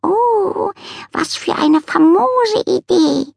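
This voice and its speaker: A woman reading an audiobook, voicing a snooty, affected female cat with a high, drawn-out voice. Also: expressive, creaky, a little mellow, no echo, studio quality, heavily acted. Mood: delighted.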